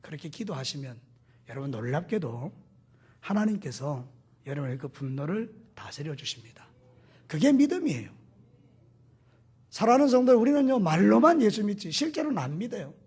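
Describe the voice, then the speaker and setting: Husky high-voiced male pastor preaching. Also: normal speed, long pauses. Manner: animated preaching, questions to the congregation; folksy storytelling with humor. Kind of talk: sermon.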